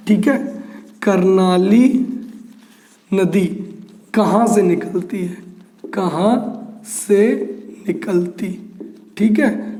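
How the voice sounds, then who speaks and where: Guy tutoring for exams, chatty, spells answers out slow, mellow voice, roomy echo. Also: high-pitched. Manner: chatty, repeats answers slowly while writing. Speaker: exam coaching teacher. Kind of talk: casual exam-prep lesson.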